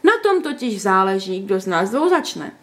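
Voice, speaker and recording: A woman reading a story aloud, voicing an excitable, easily offended young woman in a high, indignant voice. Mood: excited, prim. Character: lively, touchy young woman playing a game.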